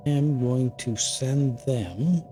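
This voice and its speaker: A man in his fifties talks his way through a strategy game in a relaxed, mid-pitched voice. He chats easily, pokes fun at himself, and shifts into slow, careful reading whenever game text comes up. Game music plays clearly underneath him. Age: 50s. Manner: chatty and self-deprecating, slows down to read game text aloud. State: sleepy, yawning. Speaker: gaming channel host. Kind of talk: casual gameplay commentary.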